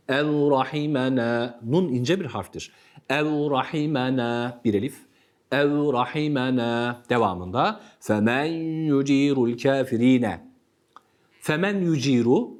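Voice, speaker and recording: A man with a Turkish accent teaching Quran recitation rules, patiently repeating words slowly to demonstrate correct pronunciation. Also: mid-range voice, darkish tone. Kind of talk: tajweed lesson.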